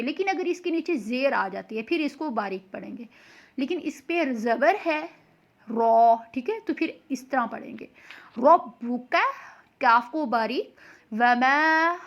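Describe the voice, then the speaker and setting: A young woman patiently explaining tajweed pronunciation and reciting slow examples as a Quran recitation teacher. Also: sits high. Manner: patient and explanatory, often checks in with "okay".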